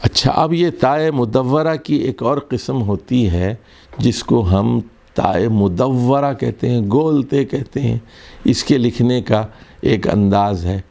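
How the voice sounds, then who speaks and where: A man with a Pakistani Urdu accent teaching Arabic grammar in a recorded lesson. He explains slowly, repeats words, and often restarts with fillers. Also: mid-range voice, creaky, a little mellow.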